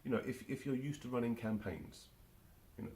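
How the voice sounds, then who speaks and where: The speaker, a man in his forties from London, is a marketing automation specialist answering interview questions. His mid-range voice is brisk, creaky and darkish, though hesitant with frequent fillers and restarts, and there's slight background noise.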